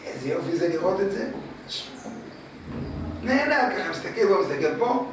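High-voiced man telling a parable, very echoey. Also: background noise. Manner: lively storyteller, repeats words for effect. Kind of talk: religious storytelling sermon. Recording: very echoey room from a distant mic.

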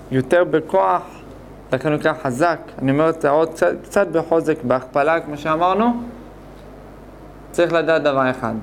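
A man teaching a Hebrew grammar lesson, explaining slowly and repeating points while asking his students questions. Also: on the high side, slight background noise. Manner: slow, repetitive explaining with questions to the class. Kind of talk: classroom lesson.

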